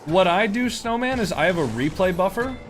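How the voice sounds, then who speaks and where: Rambling young male streamer, slightly high. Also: animated, a little fast, soft background music. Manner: rambling, filler-heavy, indignant. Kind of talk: casual live-stream chat.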